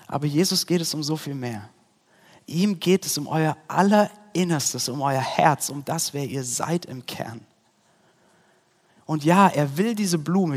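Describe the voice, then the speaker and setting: A man preaching a sermon in an earnest way, his voice rising on quoted prayers and dropping low at the ends of thoughts. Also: long reverb tail.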